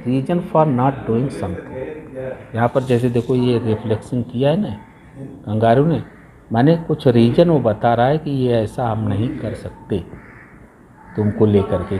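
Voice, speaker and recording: A man with an Indian accent teaching a textbook lesson, reading English lines slowly and then explaining them in Hindi. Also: mid-range voice, poor audio.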